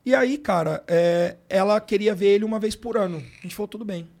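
As a podcast guest, a middle-aged sports coach recounts an emotional personal story in relaxed, slangy conversation. His Brazilian Portuguese-accented voice is high-pitched, brisk, and gravelly yet a little mellow.

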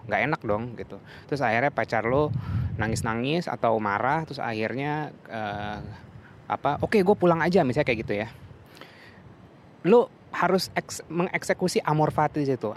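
A man's voice: medium pitch, slight background noise. A young man with a Jakarta slang accent, casually musing in a monologue, chatty with many fillers and restarts.

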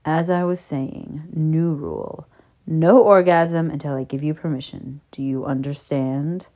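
A woman reading an erotic story, voicing a dominant man who gives quiet, slow commands. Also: low voice. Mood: stern, hushed.

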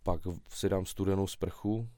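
Low-voiced man chatting casually, dry mic. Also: no room sound. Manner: relaxed, rambling storytelling with slangy asides. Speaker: podcast guest, stand-up comedian. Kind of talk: casual conversational interview.

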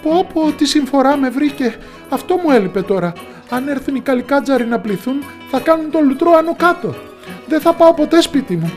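A man's voice: fairly high pitch, expressive, faint music behind, close to an everyday voice. Man doing a clever young bathhouse girl. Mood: frightened.

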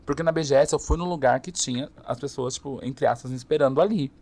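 Animated young Brazilian man telling stories. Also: mid-range voice, fast talker. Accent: Brazilian Portuguese. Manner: animated storyteller, laughs often, acts out quotes. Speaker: streamer guest. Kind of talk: casual podcast chat.

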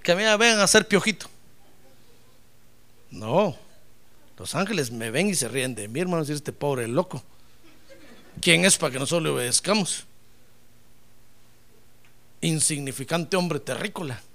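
A man preaching a lively sermon as pastor, acting out little dialogues and swinging from loud to soft. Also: a little high, moderate pace, pauses often.

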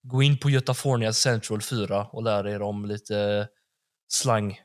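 A man's voice: on the low side, steady tone. A young man from Gothenburg with a Gothenburg accent, co-hosting a podcast and chatting eagerly about hip hop, full of slang and swearing. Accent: Gothenburg Swedish. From Backa, Gothenburg, Sweden. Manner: slangy, swears freely, enthusiastic. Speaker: podcast co-host.

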